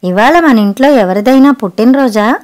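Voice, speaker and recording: A woman's voice: a little high, animated, normal speed, darkish tone, close to an everyday voice. A woman voicing a tired housewife who complains about her husband in a storybook reading. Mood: plaintive. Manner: complaining, plaintive. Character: harried housewife, weary and put-upon.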